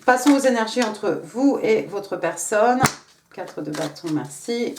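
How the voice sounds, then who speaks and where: A woman gives a casual tarot reading, talking straight to her viewers. Her delivery is chatty and loose, full of little fillers, at a middling pitch. The sound carries some room echo. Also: expressive, measured pace, background noise. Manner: chatty, many fillers and hein. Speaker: tarot reader. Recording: echoey room.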